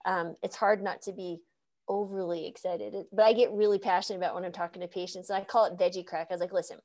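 A woman in her fifties hosting a casual interview, bubbly and quick to laugh. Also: on the low side, fairly even intonation, darkish tone. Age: 50s. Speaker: host.

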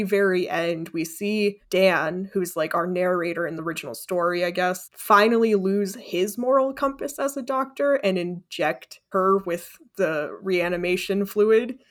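A woman's voice: on the low side, measured pace, few pauses. A woman co-hosting a podcast, talking casually and animatedly about films, with sarcastic asides. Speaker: podcast co-host. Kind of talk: casual film discussion.

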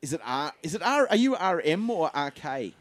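A man's voice: on the high side, sing-song, moderate pace, no echo. A man hosts a podcast in a loose, rambling way. His voice is dry and close, with no room around it. He talks casually and pokes fun at himself. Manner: self-deprecating, rambling. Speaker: podcast host.

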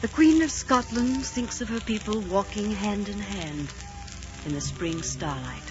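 A woman's voice: mid-range voice, measured pace, a little mellow, soft background music, close to an everyday voice. An actress playing a young, romantic, passionate queen with melodramatic regal delivery in a 1940s radio drama. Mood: dreamy. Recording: dull 1940s radio broadcast recording.

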